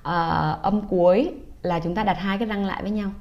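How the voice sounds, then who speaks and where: A woman's voice: mid-range voice, steady tone, a little fast, darkish tone, highs cut off. A woman, a teacher, explaining English phrases and pronunciation to parents in a patient, casual way. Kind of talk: casual instructional talk to parents.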